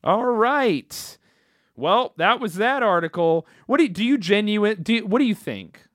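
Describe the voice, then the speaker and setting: A man's voice: high voice, expressive, a little slow, fairly bright tone, no room sound, studio quality. A man co-hosting a podcast, reading aloud and joking around in casual chat. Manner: joking, playful. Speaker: podcast co-host.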